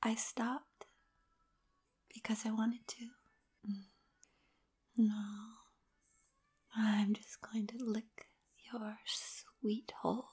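A woman whispering an intimate roleplay in a teasing, commanding way, with soft hums between her phrases. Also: fairly high pitch, level tone, very slow, long pauses, breathy edge.

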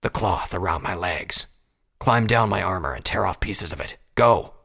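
Man doing a gravelly, grim pony soldier. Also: low-pitched, lively intonation, normal speed, pushed and bright, heavily acted. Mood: commanding. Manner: curt, commanding orders. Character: grim battle-worn male pony soldier.

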